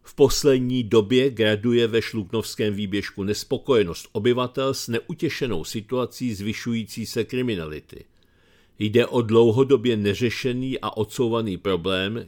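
A man's voice: on the low side, darkish tone. A middle-aged man with a Czech accent, reading his commentary aloud in a dry, sardonic tone.

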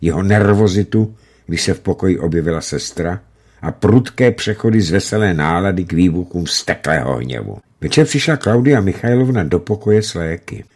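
A man narrating a novel in a measured, expressive reading voice. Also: deep voice. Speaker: audiobook narrator. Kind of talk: scripted narration.

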